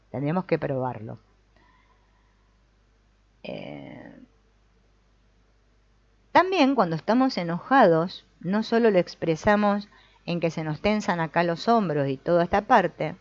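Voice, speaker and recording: Her voice sits fairly low with no echo as she guides a family constellations group. Reading aloud from a book, she pauses to reflect and keeps checking in with the group, tossing in a questioning "no?" or "mm?". The recording sounds dull, dry, and lo-fi.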